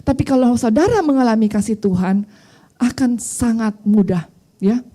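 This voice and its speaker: A woman's voice: fairly high pitch, normal speed, warm tone. A middle-aged woman pastor preaching a sermon in a conversational, storytelling way, mixing in English phrases.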